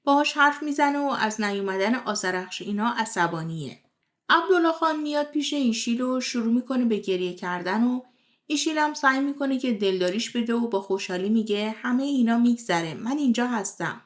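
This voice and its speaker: A woman retelling the episodes of a television drama in scripted narration, moving briskly from scene to scene. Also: on the high side, animated. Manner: brisk retelling of scenes in plain third person. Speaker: series recap narrator.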